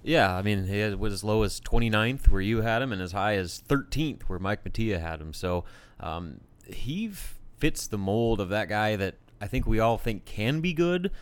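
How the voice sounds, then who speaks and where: Smooth, low American male sports analyst. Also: lively intonation, normal speed. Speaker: sports show panelist.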